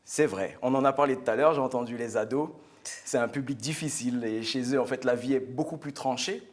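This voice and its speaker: A man's voice: medium pitch, brisk. A man from French Guiana giving an earnest, chatty product talk on a live studio show, with frequent fillers and restarts. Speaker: guest speaker.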